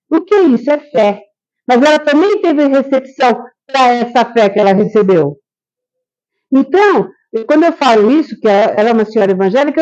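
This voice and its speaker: High-voiced woman giving a spiritist talk. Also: a little mellow. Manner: storytelling, conversational, asks the audience questions. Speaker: spiritist lecturer. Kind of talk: lecture to a spiritist group. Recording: dull lo-fi recording.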